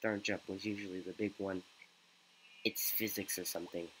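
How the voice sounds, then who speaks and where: A man's voice: low voice, little pitch movement, moderate pace, a bit bright, a little hiss or hum, rough recording. A man giving joking let's play commentary, making goofy asides while he plays. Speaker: gaming YouTuber.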